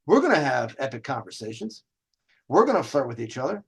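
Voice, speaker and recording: This dating advice show host speaks a little fast in a mid-range, husky voice with vocal fry and big pitch swings. He tells stories casually and brashly, emphatically drawing out stressed words and using rhetorical questions in a monologue full of advice for viewers.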